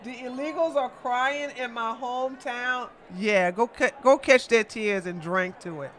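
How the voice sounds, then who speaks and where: Speaking a little slowly, with slight background noise, a woman runs a relaxed livestream and reads messages from her audience. Loud, high greetings ring out, and she laughs frequently as she ribs her chat.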